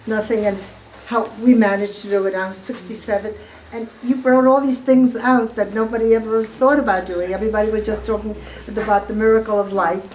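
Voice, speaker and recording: A Polish-born woman in her eighties, raised in the United States, gives a Holocaust survivor's testimony to guests at home, informal and emphatic, often questioning her listeners. Her medium-pitched voice is a little mellow, fairly even, brisk with few pauses. The audio is poor, with slight background noise.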